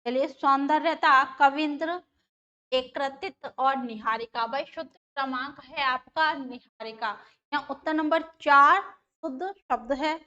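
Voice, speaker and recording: A woman teacher with a high-pitched, bright and forceful voice leads an exam-prep grammar lesson at a measured pace, explaining step by step, repeating terms and asking her students questions. The highs are cut off.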